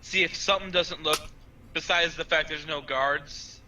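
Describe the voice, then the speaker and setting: A man's voice: a little high, fairly even intonation, normal speed, sharp tone, far from the mic, dull audio. A man playing a tabletop game, talking in a casual, questioning way. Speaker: player.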